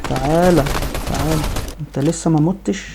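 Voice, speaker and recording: A man with an Egyptian Arabic accent giving excited live commentary over his own gameplay, piling up quick repeated exclamations. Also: on the high side, heavy background noise. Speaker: gaming video host.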